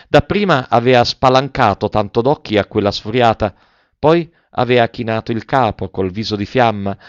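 A man narrates a classic novel in a measured, literary manner. His voice sits low. The recording is dry and somewhat dull, like a lo-fi home setup. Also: dry recording. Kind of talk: audiobook reading of a 19th-century novel.

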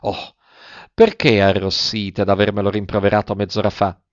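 A man's voice: lowish voice, flat delivery, moderate pace, no room sound, close to an everyday voice. Guy doing a proud bitter countess, sarcastic and clipped, bit muffled dry audio. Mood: bitter, ironic. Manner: scornful, clipped retorts. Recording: slightly dull, dry close recording.

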